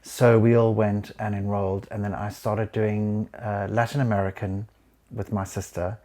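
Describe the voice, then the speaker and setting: Man, forties, low voice, reflective, pauses and restarts often, personal storytelling. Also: level tone, darkish tone. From South Africa. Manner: reflective, halting with frequent ums and restarts. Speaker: choreographer. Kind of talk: recounting his life story.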